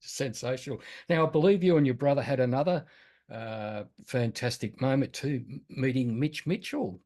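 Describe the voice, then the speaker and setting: A man's voice: mid-range voice, moderate pace, darkish tone. A man interviewing a musician, nudging him on with short, encouraging questions and affirmations.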